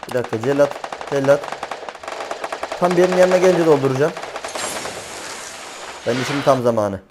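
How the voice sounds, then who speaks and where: Excitable young man over gunfire. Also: mid-range voice, brisk. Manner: excitable, exasperated slangy chatter. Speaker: gaming channel host. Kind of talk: live gameplay commentary. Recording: game gunfire noise underneath. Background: gunfire and game sounds.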